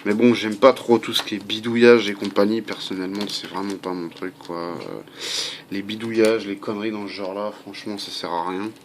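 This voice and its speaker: A man with a somewhat low voice and steady tone talks a little fast. He's an airgun hobbyist filming a casual how-to at home, showing a part swap in a chatty way packed with fillers and asides. Faint construction noise carries in the background.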